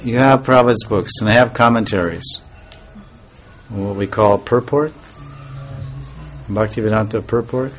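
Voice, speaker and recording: A spiritual teacher gives an informal devotional talk in a soft, medium-pitched voice. He rambles, pausing and restarting along the way.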